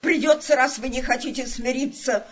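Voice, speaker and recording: A woman's voice: sits high, moderate pace, slightly rough, muffled recording, voice pushed up. A woman voicing a stern, scolding mother kangaroo in a storybook reading, dismissive in tone. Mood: scornful.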